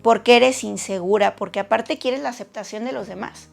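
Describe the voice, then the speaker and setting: A woman giving a conversational sermon to women, animated and talkative, acting out the voices of people she quotes. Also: a little high, moderate pace, gravelly, faint music behind.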